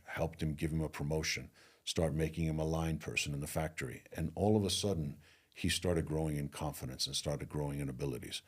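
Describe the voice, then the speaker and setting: Very deep husky middle-aged man. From Greece. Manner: earnest, motivational, slows down on key phrases. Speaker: leadership speaker and coach. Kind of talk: interview conversation.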